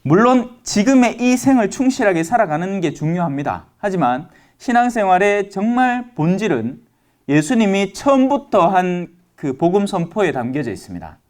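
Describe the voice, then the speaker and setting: Lively joking priest. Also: male voice, high voice, moderate pace. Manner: lively, joking, asks the audience questions. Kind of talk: lecture sermon to elderly parishioners.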